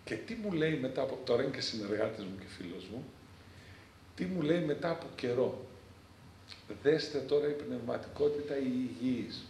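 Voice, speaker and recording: A priest tells a story to a gathered audience with a lively, swinging pitch and acts out every character. His voice rings in a roomy venue with a faint murmur of ambience behind it. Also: creaky, a little hiss or hum. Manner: lively storyteller who acts out the people he quotes. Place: event venue at a country estate.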